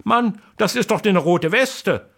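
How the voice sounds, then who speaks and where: Man doing a shrill scolding wife. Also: animated, slow, gravelly, fairly bright tone, heavily acted. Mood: astonished. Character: scolding middle-aged wife, sharp and shrill.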